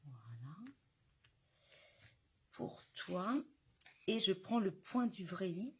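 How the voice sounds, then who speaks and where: A woman hosting a live crafting demonstration, chatting to viewers and often dropping to soft murmurs as she works. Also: lowish voice, big pitch swings, extremely slow, slightly rough. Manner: chatty, addresses viewers directly.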